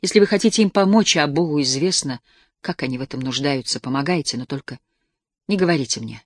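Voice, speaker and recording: A worn-out young country woman speaks softly and pleads in a hushed, tired voice, as a male audiobook reader voices her. The voice sits fairly high for a man and sounds dry and close, with no room around it. It keeps a quiet, aching tone. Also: animated, quick pace, no echo. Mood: weary. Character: weary, desperate young peasant woman. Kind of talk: audiobook reading.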